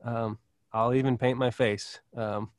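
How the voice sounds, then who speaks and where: A man's voice: mid-range voice, steady tone, unhurried, no echo, studio quality. A man co-hosting a music podcast who rambles through his opinions in casual chat, often laughing and swearing. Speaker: podcast co-host music critic.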